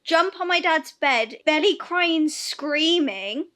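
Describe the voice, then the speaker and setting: Bright, high-voiced woman. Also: slow. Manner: animated storytelling, laughing and acting out scenes. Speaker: podcast co-host. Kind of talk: casual chat.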